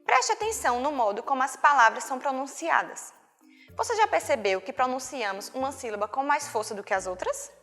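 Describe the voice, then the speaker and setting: A woman teaching a video lesson to young children, with a Brazilian Portuguese accent, patient and slow, often checking in with the class. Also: high-pitched, animated, a bit bright. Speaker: primary school teacher. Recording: long hall reverb, faint music.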